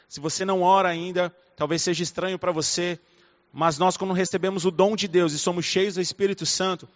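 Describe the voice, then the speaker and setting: A man preaching a fervent sermon, swinging between soft, intimate passages and loud, fiery ones. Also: high voice. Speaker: pastor. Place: church hall. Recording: dull recording in a reverberant hall.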